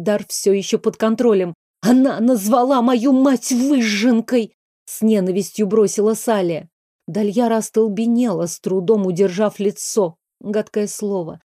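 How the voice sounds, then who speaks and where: A woman reading a novel aloud as an audiobook narrator, in a measured storytelling manner. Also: mid-range voice, mellow, no room sound, studio quality. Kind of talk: scripted narration.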